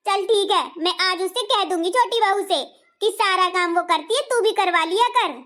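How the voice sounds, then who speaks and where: A woman's voice: very high voice, normal speed, a bit bright. A woman playing a fussy, scolding mother-in-law who sighs in exasperation in a comic skit. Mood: exasperated.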